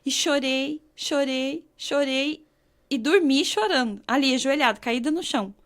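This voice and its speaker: A woman with a high voice shares a personal faith testimony in an earnest, emotional way. She is from Brazil and slows right down whenever she reads scripture aloud. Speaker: guest sharing her testimony.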